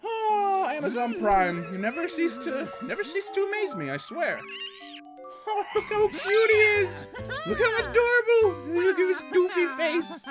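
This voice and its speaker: An excitable cartoon guy, voiced by a performer who chatters and lets out alarmed yelps, pitched high with huge swoops up and down. He sounds like a squeaky, jumpy animated character reacting to his own episodes. Loud music plays underneath him the whole time. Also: unhurried, full character voice.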